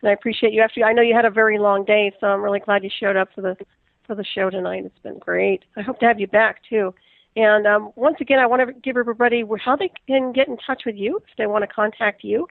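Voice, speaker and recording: A woman hosting a radio talk show, briskly thanking her guest and wrapping up the hour with an encouraging manner. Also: medium pitch, fairly even intonation, vocal fry, no echo. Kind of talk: radio show interview and sign-off. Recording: tinny phone line.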